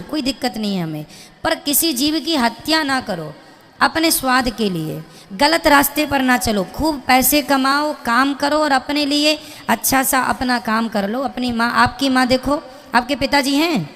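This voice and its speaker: Woman preacher, kinda high voice, firing rhetorical questions, long hall echo. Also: expressive, moderate pace, a bit bright. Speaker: spiritual preacher. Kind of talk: preaching to an audience member.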